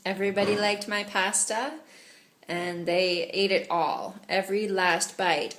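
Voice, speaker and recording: A woman's voice: fairly low pitch, fairly bright tone. A woman from Canada talking through a casual video diary in an earnest, chatty way. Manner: earnest, chatty, laughs often. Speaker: vlogger. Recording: echoey room.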